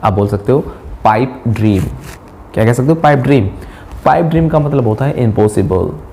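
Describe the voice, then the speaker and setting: A middle-aged man teaching spoken English, asking quiz questions and repeating each English sentence slowly. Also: mid-range voice, lively intonation, warm tone, a little hiss or hum. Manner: asks the viewer rhetorical quiz questions.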